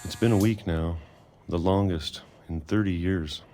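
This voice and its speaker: A man's voice: low voice, unhurried, noisy background. A weary recluse leaving his hiding place. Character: reclusive middle-aged man hiding underground for decades. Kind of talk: game voice acting.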